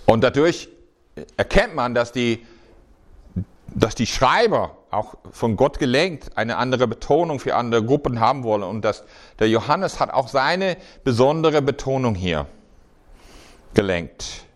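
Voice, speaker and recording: A man preaching a sermon in a conversational, halting way with frequent restarts. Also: medium pitch, lively intonation.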